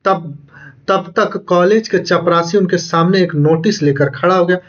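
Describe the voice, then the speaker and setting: A man's voice: high voice, measured pace, muffled recording. A man teaching a literature exam class, reading passages aloud and then explaining them, often repeating points and quizzing his students. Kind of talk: exam-prep lecture reading a novel aloud.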